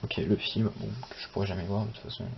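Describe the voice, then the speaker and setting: A man's voice: fairly low pitch, fast talker, gravelly. Rambling young man unboxing manga. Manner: rambling, self-talking, casual swearing. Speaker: manga channel host. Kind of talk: casual unboxing chat. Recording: dull recording with steady noise.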